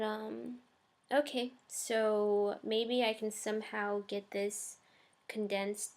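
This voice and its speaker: A woman's voice: mid-range voice, vocal fry. A young woman chatting casually in her first vlog, hesitant and full of ums and likes. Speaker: vlogger.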